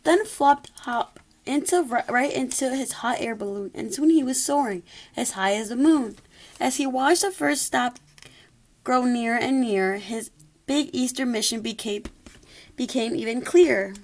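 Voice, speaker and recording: A woman with a fairly high voice reads a rhyming picture book for children. Her delivery is expressive and story-like, with an occasional small stumble over the words. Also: moderate pace. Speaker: storybook reader.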